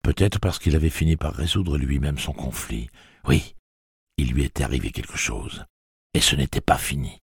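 A man narrating a novel aloud in a measured, dramatic storytelling manner. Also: extremely low pitch, creaky, breathy edge, no echo, clean studio sound. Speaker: audiobook narrator.

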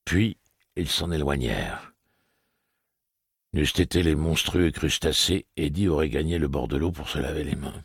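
Deep gravelly male audiobook narrator. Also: moderate pace, dry recording, clean studio sound. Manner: expressive, dramatic reading. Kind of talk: scripted narration.

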